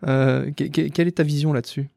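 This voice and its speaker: A man hosting an interview in a relaxed chatty way, asking open questions. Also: fairly high pitch, quick pace, creaky, no room sound, clean studio sound. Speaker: podcast host. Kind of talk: casual interview chat.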